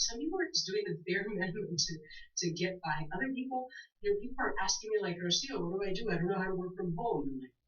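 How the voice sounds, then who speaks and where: A woman in her forties tells stories with emphasis, laughing often, in a somewhat low voice. She sounds set back from the mic in an echoey room. The sound is dull and muffled. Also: fairly bright tone, far from the mic. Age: 40s. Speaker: guest speaker. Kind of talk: casual interview chat.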